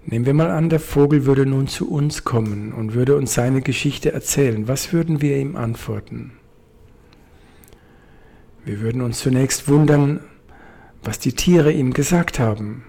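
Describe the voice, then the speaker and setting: A preacher reading a short radio devotion and telling a story, in a gentle, measured way. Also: male voice, mid-range voice, creaky. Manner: gentle, measured, addresses listeners.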